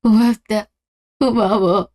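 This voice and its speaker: A woman's voice: mid-range voice, fairly even intonation, takes it slowly, a little mellow, close to an everyday voice. A woman doing a fussy old grandmother. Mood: overjoyed. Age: older. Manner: fretting, exclamatory. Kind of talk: radio drama acting.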